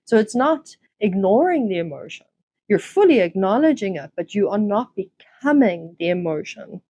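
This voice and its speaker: A woman hosting a self-development talk, explaining mindfulness ideas in a gentle, conversational way with fillers and restarts. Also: mid-range voice, big pitch swings, normal speed, dry recording, highs cut off. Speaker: self-development podcast host. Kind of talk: reflective teaching monologue.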